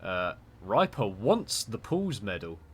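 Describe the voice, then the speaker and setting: A man giving excitable, stumbling commentary on a tank game replay. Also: fairly low pitch, slow, slight background noise. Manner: excitable, laughing, stumbles over words.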